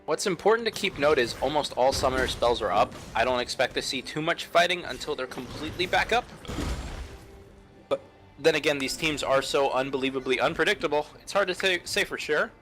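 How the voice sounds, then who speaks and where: A man gives color commentary on a video game match in a fairly high, bright voice. He breaks down item builds and timers, with a joking edge, over faint background music. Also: animated, a little fast, poor audio. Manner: analytical and joking, talks through builds and timers. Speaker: esports caster.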